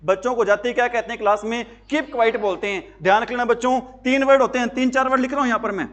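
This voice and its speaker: A man's voice: very high-pitched, steady tone, fast talker, fairly bright tone. A man teaching grammar for job exams, asking his class questions and answering them himself with repeated emphasis. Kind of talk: classroom lecture.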